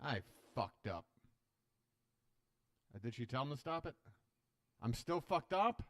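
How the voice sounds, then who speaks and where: On a desk microphone, a male live-streamer with a booming voice and a slight wet lisp rambles through casual reaction commentary, swearing casually and poking fun at himself. His pitch swings widely while his pace stays measured. The sound is clean studio audio with no echo.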